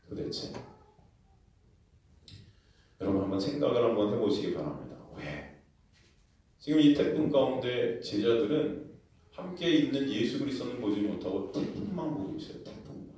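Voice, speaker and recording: A man preaching a sermon as pastor, telling the story with lively acted-out quotes and questions to the congregation. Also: medium pitch, normal speed, long pauses, a little hiss or hum. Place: church sanctuary. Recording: very echoey church hall, mic at a distance.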